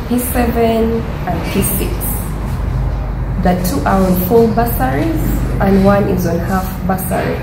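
A woman's voice: mid-range voice, background noise. A woman from northern Uganda in her thirties, a mother giving an earnest testimonial to camera indoors. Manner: earnest, appealing. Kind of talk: speaking to camera. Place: indoor room with a standing fan. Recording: echoey room with music behind.

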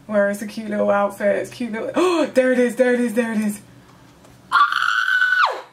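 A woman gaming vlogger reacting live to a trailer, gushing and excitable, with squeals and gasps. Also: a little high, fast talker, very noisy.

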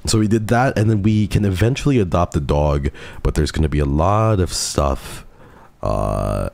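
A man giving casual, excitable commentary while playing a game, gushing over it and swearing a lot. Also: deep voice, moderate pace, vocal fry. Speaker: streamer.

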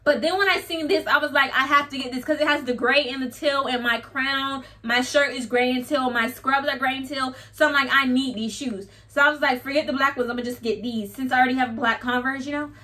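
Bright, high-voiced young woman vlogging. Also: fairly quick, few pauses, recorded from a distance. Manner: animated storytelling, acts out dialogue. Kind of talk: casual haul vlog chat.

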